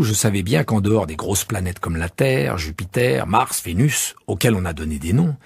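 Man reading a storybook, low-pitched, husky and gravelly, lively intonation. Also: no echo, clean studio sound. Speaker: storybook narrator.

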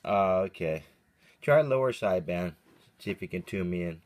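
In a clearly noisy handheld recording with clicks, a man runs a casual radio check on a vintage CB at his cluttered indoor workbench, keeping his calls short and clipped and muttering to himself as he goes. He has a low voice, lively intonation and a normal speaking speed.

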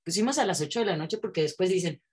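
Woman, low voice, candid podcast guest talk, casual swearing. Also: lively intonation, fast talker, darkish tone, slightly rough. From Mexico. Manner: candid, frequent tag questions, restarts and swearing. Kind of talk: casual conversational chat.

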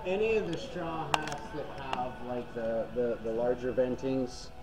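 A man's voice: medium pitch, a little slow, poor audio. A man working as a hat store salesperson, explaining hats in casual chat with lots of fillers, recorded inside a big western wear store. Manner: chatty, explains with many fillers. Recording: store music playing behind.

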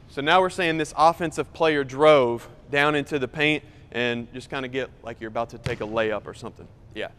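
A man's voice: medium pitch, fairly bright tone, clean tone. Young male coach in an echoing gym. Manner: explains step by step, directing players by name. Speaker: basketball coach. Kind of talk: on-court coaching demonstration. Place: large indoor gym. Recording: reverberant gym.

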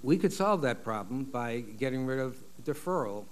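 A man's voice: mid-range voice, animated, a little hiss or hum. An older man testifying as an expert witness, blunt and confident, on a desk mic in a large paneled hearing room. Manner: blunt, confident, drawn-out fillers. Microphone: desk microphone.

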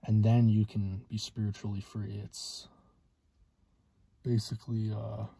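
A man in his twenties gives a casual, halting monologue in a car. His voice is lowish and very mellow, with a husky edge. He hesitates often and leaves long pauses. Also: flat delivery, dry recording. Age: 20s. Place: inside a parked car.

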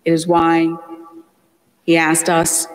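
A man preaches a funeral homily from the pulpit of a large church, his voice fairly high for a man. He speaks slowly and solemnly, pausing between phrases. Long church reverb trails every word. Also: monotone. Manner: slow, measured, solemn delivery with deliberate pauses. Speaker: priest. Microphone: distant pulpit mic, far camera.

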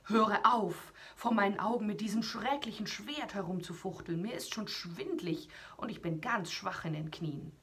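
Woman doing a slow, booming, mocking giant. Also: a bit bright, lightly acted. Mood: pleading. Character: boastful mocking male giant.

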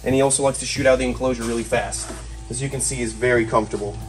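A man's voice: medium pitch, steady tone, very fast, soft background music. A man in his twenties hosting a casual vlog as he handles animals, talking in an enthusiastic, exclamatory and playful way. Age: 20s. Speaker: host, snake keeper. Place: large metal-walled reptile room with concrete floor.

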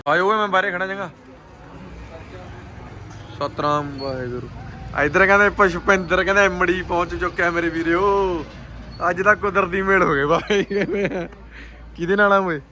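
High, bright-voiced Punjabi man teasing his friends. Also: steady tone, moderate pace, long pauses, slight background noise. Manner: teasing, colloquial, full of questions. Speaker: vlog host. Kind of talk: casual vlog banter with friends.

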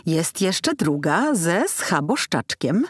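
A woman's voice: fairly low pitch, sing-song, takes it slowly, husky, no room sound, studio quality, exaggerated voice. A woman voicing a cheerful young woman who fusses over food and coos with diminutives. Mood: doting. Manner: cooing, full of diminutives.

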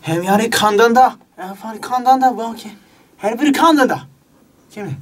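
High-pitched young man, halting fake foreign language. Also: distant mic. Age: young adult. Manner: halting, exaggerated imitation of foreign speech. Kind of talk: mock foreign language, improvised gibberish.

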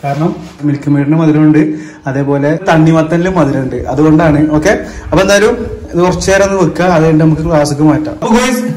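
A man's voice: a little high, fast, darkish tone. A man with a northern Kerala Malabar accent chats casually to viewers as he cooks, mixing English words and catchphrases into his Malayalam. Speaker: cooking vlogger. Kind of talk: casual chat to viewers while cooking. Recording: roomy, echoing indoor sound.

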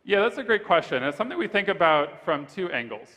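A man pitching his startup on stage, then answering judges' questions in a steady, rehearsed way. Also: fast. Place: large event hall stage. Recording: reverberant conference hall.

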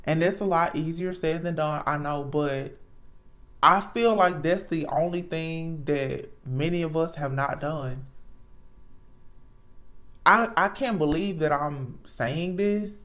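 A tarot reader talking casually and reflectively, earnest and emphatic, often halting and repeating words. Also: mid-range voice, fairly bright tone. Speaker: tarot reader, channel host.

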